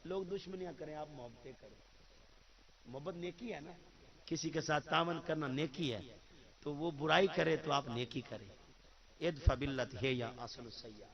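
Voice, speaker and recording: A man with a Pakistani accent giving a religious sermon, calling out to the crowd, then dropping to soft asides and reciting verses. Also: a little high, lo-fi sound. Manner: emphatic, swings between loud calls and soft asides; addresses the crowd directly, recites Arabic verses. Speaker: preacher. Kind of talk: Urdu religious sermon with storytelling.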